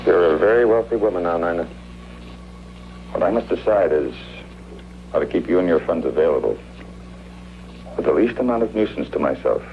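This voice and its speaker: A menacing mad doctor from a B-movie horror film. His voice is low, deliberate and condescending. The old soundtrack is dull, with faint noise.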